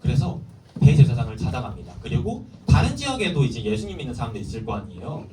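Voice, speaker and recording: In a church hall, a youth pastor preaches to middle schoolers, telling stories and quizzing them in a lively, fast, mid-range voice. A crowd can be heard behind him. The mic is far away, so the hall echoes with faint ambience.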